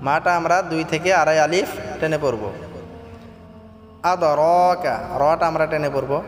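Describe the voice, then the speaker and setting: A man with a high voice teaches Quran recitation, drawing each verse out in a slow melodic chant before stepping through it in brisk spoken explanation. His voice rings in heavy, long reverb. Faint music sits under the whole lesson. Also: fairly even intonation.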